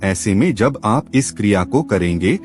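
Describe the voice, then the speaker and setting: Lively-voiced man narrating devotional advice. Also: fairly low pitch, a little slow, faint music behind. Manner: earnest, instructive, addresses viewers as friends. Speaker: spiritual channel narrator. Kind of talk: scripted devotional voice-over.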